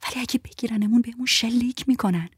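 A woman's voice: a little high, lively intonation, husky, dry recording, voice pushed up. A woman voicing a frail, feverish young woman who is frightened but stubborn, in a whispered role-play. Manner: frightened hushed refusal.

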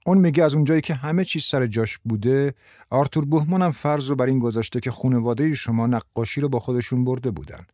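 A man voicing a patient male investigator in an audiobook, explaining things in a calm, measured way. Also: medium pitch, dry recording, studio quality, natural voice. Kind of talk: audiobook character voice.

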